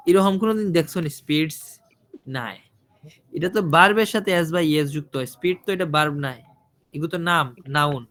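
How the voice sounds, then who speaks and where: Explaining in Bengali during an online IELTS listening lesson, a man questions his students and goes over his points again. His voice is a little high and a bit bright.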